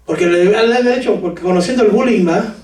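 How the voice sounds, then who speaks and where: High-voiced preaching man in an echoey hall. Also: fairly quick. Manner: lively preaching with jokes and shouts, addresses the congregation as brother. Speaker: pastor. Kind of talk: sermon. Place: church hall. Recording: echoey church hall from far off.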